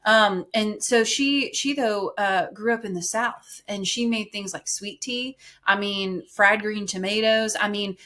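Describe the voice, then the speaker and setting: A young woman from California chatting casually as a podcast guest, talkative and quick to laugh, with lots of fillers. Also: mid-range voice, fairly even intonation, pushed and bright. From Bakersfield, California. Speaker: guest singer-songwriter.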